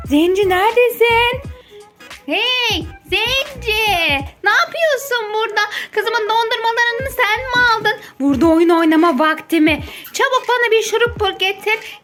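Playful mom, very high, theatrical gasps, music bed. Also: female voice, sharp tone. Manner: exaggerated, playful fearful gasps. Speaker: mother playing with her daughter on a kids' channel. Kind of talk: toy role-play for children.

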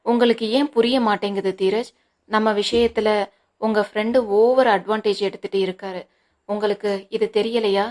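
A woman's voice: medium pitch, steady tone, moderate pace, a little mellow, close to an everyday voice. A woman reading the part of an angry, stubborn young wife in a storybook, speaking sharply and indignantly.

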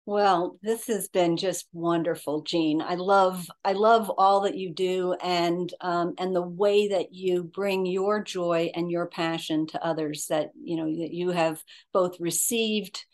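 A woman hosting an interview show over a video call, speaking in a measured, appreciative way. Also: on the low side, fairly even intonation. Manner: measured and appreciative, many fillers. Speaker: host.

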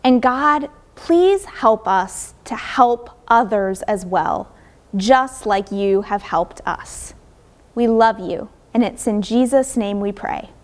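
A young woman pastor giving a gentle children's sermon, telling a story as she moves around a church sanctuary with props. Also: a little high, animated, slow pace. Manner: moving around, gesturing with props. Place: large church sanctuary, indoors. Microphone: far camera.

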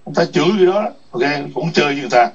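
Male chat host, husky, crude scolding rant, distant lo-fi sound. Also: on the high side, expressive, very fast. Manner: foul-mouthed, scolding, repetitive taunts. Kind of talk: ranting livestream chat. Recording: distant muffled lo-fi mic.

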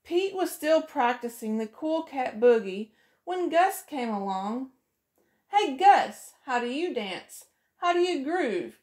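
Slow, expressive, and a little mellow, her high-pitched voice carries a picture book read aloud to children. The middle-aged preschool teacher uses a sing-song delivery and does voices for each character, captured close to the mic in a small room.

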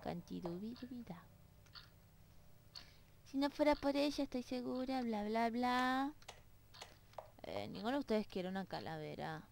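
In this let's play commentary, a woman reads the game's text aloud in silly voices and jokes with its characters while dogs are nearby in her home room. Her slightly high voice is expressive, creaky, and darkish at a moderate pace. There is a little hiss or hum.

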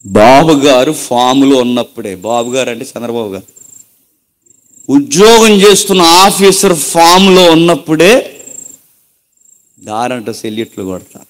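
A man's voice: a little high, fairly bright tone. A man preaching a sermon with emphasis, acting out the people he quotes.

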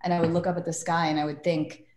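On a relaxed podcast with a roomy echo, a woman from New York who reads tarot as a guest tells meandering stories packed with "like." Her voice is low and darkish, level in tone, and quick.

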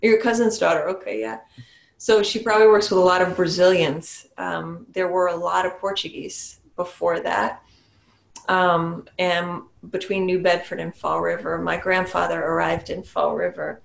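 Speaking from a small home room on a webcam video call, a Zen priest and meditation teacher from New Hampshire, USA reflects on her personal story. Her lowish, gravelly voice keeps fairly even intonation and sounds reverberant. She's unhurried and thoughtful, pausing for small restarts and soft laughs.

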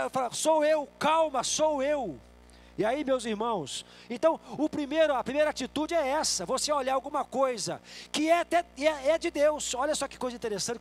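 A man preaching a sermon as guest pastor in a church, acting out quotes loudly and then dropping to a soft voice. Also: sits high. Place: church sanctuary.

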